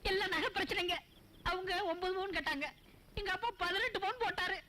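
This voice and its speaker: Scheming bossy houseguest, comic film, very high voice, bright tone. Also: female voice, brisk, slight background noise. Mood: lamenting. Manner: dramatic lamenting, then coaxing and bossy. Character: scheming woman guest, wheedling and bossy.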